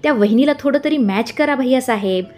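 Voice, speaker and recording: A cheeky young male assistant who pouts and teases his boss, as a woman reads him in a storybook. His lines sit a little above her narration, with soft music far behind. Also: high voice, brisk, pitched above the performer's own voice, close to an everyday voice. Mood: teasing. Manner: teasing, pouting.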